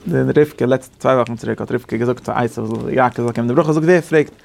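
Guy teaching torah class, bit of fry in his voice, gets loud and high when he makes a point. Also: a little fast. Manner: animated, rising to high emphatic peaks. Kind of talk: Yiddish-flavored Torah class.

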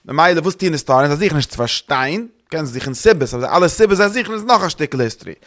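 A man's voice: on the high side, lively intonation, racing, a bit bright. A man giving a religious study lecture, thinking aloud, searching for words, repeating himself and slipping in English terms.

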